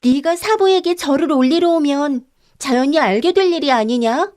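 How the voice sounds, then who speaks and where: A woman reading an audiobook voices a mischievous young girl who teases and shouts commands in a ringing voice. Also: high voice, normal speed, pitched above the performer's own voice, lightly acted. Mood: bold shouting. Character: bold mischievous young girl, teasing and sharp-tongued.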